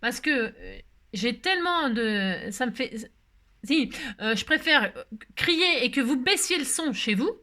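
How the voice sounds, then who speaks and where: A middle-aged woman hosting a chatty crafting tutorial, talking loudly and joking with her viewers as she works. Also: high voice, expressive, a little slow. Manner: loud, playful, talks to viewers, jokes.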